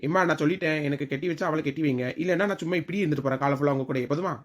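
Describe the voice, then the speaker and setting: A woman's voice: low-pitched, racing. A performer playing a son, pleading and arguing with his parents in a family sketch. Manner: pleading, argumentative. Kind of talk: family comedy sketch acting.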